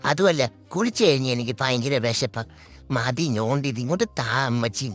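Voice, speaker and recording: A man's voice: mid-range voice, animated, brisk, a bit bright, faint music behind, natural voice. A man voicing the inner thoughts of a cheeky, scheming toddler boy, confiding mischievously to viewers in a comic voice-over.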